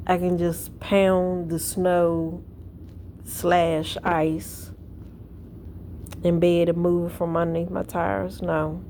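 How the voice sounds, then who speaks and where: Sleepy lady talking real slow at home, kinda low voice, bit of background hum. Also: dark tone. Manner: tired, yawning, rambling storytelling. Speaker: vlogger. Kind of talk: casual chat to camera. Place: at home indoors.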